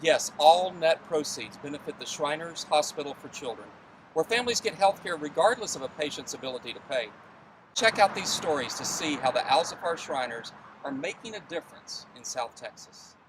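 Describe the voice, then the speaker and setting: A man's voice: fairly high pitch, lively intonation, moderate pace. Upbeat guy announcer, far from the mic, cars going by. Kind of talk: promotional announcement. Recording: distant outdoor sound with traffic.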